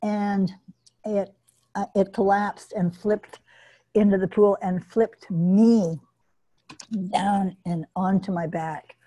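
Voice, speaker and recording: A woman hosts an online group session over a video call, telling a personal mishap between items. She talks chattily, restarting and repeating words. Her tone is dark and mellow. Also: mid-range voice, fairly even intonation, slow, long pauses, low-quality recording. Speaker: workshop host. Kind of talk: hosting an online workshop.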